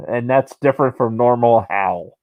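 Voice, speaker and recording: A man's voice: mid-range voice, no room sound, lo-fi sound. A man co-hosting a casual podcast chat, swearing a lot and joking bluntly, his voice coming through a fuzzy, distorted microphone. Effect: fuzzy distorted microphone sound. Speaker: podcast co-host. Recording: dry distorted home mic.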